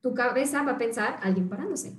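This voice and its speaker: A woman psychologist explaining parenting strategies in a radio interview, lively and acting out what parents say, laughing often. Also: a little high, normal speed, roomy sound. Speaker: psychologist guest.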